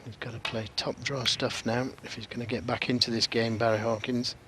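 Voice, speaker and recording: A man's voice: medium pitch, level tone, fairly quick, a bit bright, slight background noise. A man co-commentating on snooker in a conversational, analytical way.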